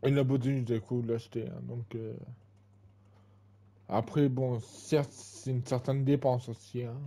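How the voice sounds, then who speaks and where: A man's voice: medium pitch, little pitch movement, normal speed, mellow. A man in his twenties giving casual gameplay commentary, rambling and full of fillers and repeated tags. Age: 20s. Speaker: gaming channel host.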